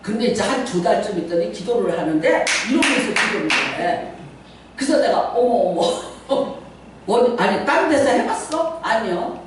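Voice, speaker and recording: An older woman pastor preaching a lively sermon with personal stories, laughing often and acting out the voices of people she quotes. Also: medium pitch, normal speed. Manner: animated and laughing, acts out quoted prayers and voices. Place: church sanctuary. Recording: far from the mic with heavy church echo and faint noise.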